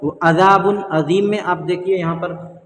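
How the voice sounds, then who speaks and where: A man's voice: sits high, fairly even intonation, a little hiss or hum. Echoey man teaching Quran recitation. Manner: explains step by step, asks and answers his own questions; chants verses slowly in melodic recitation. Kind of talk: teaching Quran reading rules.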